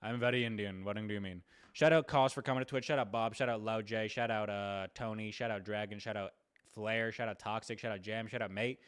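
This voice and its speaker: Excitable young male streamer. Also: lowish voice, smooth. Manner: excitable, rapid shout-outs, repeats himself. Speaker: livestreamer doing prank calls. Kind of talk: casual live-stream chat with viewers.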